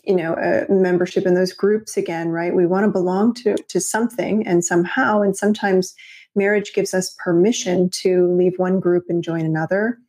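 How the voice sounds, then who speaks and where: A woman talking in a podcast conversation, explaining things in a measured way and laughing easily. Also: on the low side, steady tone, mellow.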